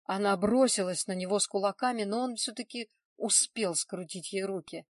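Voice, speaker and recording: A woman narrating an audiobook in the first person, steady and measured. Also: mid-range voice, dry recording, clean studio sound, distant mic.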